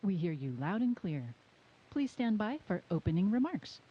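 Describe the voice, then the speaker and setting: A woman making crisp procedural calls to a space station over a space radio link. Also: mid-range voice, sing-song, normal speed, slight background noise. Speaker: ground radio operator. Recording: muffled lo-fi radio line.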